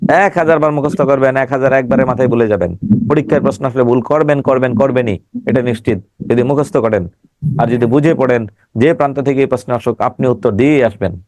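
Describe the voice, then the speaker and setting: A man's voice: mid-range voice, brisk, darkish tone, dry recording. A male teacher giving an online exam-prep class, emphatic, repeating words and sounding them out syllable by syllable.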